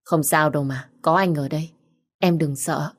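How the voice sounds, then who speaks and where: A woman's voice: deep voice, steady tone, normal speed. A woman voicing a protective young husband in a story reading, firm and reassuring.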